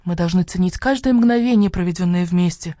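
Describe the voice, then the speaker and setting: A woman's voice: on the low side, a little fast, mellow, dry recording, clean studio sound, lightly acted. A woman voicing a large, timid female pig who frets anxiously and keeps sinking into a whisper. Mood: fretful. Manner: anxious, often dropping to a whisper. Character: plump timid female pig, fearful and fussy.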